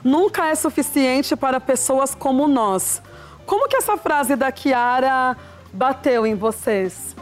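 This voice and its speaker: A woman's voice: high-pitched, animated, takes it slowly. A woman hosting a casual panel, affectionate and chatty with her guests. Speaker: host. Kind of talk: casual show chat.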